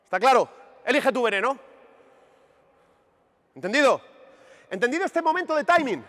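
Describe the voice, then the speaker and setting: A lively man leads a basketball clinic, his voice high and bright as it swings up and down. He keeps drilling his players with rapid questions. The sound carries a long echo a big sports hall, picked up some distance. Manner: animated and emphatic, drilling players with constant questions. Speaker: basketball coach running a clinic. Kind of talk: on-court coaching demonstration. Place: large indoor sports hall. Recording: reverberant gym recorded from a distance.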